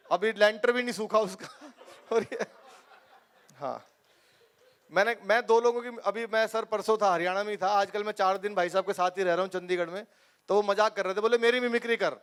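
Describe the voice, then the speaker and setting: Male stand-up comic on stage, high voice, chatty. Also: steady tone, moderate pace, long pauses, clean tone. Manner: chatty, laughs at his own jokes. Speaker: stand-up comedian and mimic. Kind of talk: live stand-up comedy. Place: stage at a live event.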